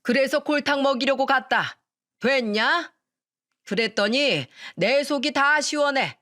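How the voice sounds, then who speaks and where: A furious, scornful older man, put on by a woman reading a radio story. He shouts in a raised, slow, drawn-out voice, full of spite. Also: high-pitched, pitched above the performer's own voice. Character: angry spiteful older man, father-in-law.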